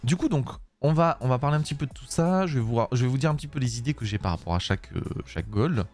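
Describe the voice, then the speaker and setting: A man streaming live, chatting casually with a voice worn out and hoarse, rambling with many fillers and the odd curse. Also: medium pitch, lively intonation, quick pace, soft background music. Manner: rambling, swears at his software, frequent fillers and laughs.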